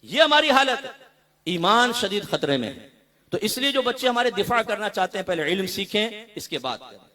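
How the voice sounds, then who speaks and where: A man preaching a sermon to a gathering as a mufti, impassioned, with loud emphatic runs between quieter asides and anecdotes full of quoted dialogue. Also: high voice, big pitch swings, normal speed.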